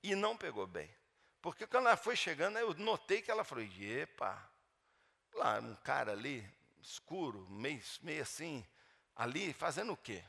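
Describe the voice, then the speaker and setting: A middle-aged man preaching, telling a personal story with fervor, swinging between loud emphatic preaching and hushed storytelling. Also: fairly high pitch, very animated, moderate pace, creaky. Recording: long hall reverb.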